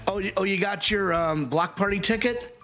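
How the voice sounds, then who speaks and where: A man's voice: high-pitched, normal speed, fairly bright tone, faint music behind. A man hosting a live game stream, chatting and thanking viewers.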